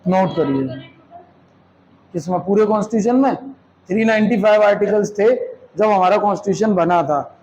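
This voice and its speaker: High-voiced man teaching a lecture. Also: normal speed, long pauses, darkish tone, highs cut off, slight background noise. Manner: explains step by step, asking students rhetorical questions; mixes Hindi with English terms. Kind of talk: classroom lecture.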